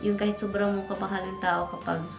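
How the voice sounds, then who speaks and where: Filipina vlogger who keeps saying "guys". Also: female voice, mid-range voice, flat delivery, fast, creaky. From Philippines. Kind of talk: casual storytime monologue. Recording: echoey room with faint music.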